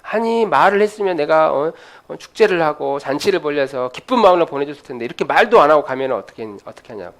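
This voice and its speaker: Acted out within a sermon, a fault-finding older man grumbles his accusations in a reproachful tone, as the preacher puts him on. The voice is fairly high and moves around a lot. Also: expressive, fast talker, hardly any pauses. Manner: reproachful, nitpicking. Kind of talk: sermon storytelling.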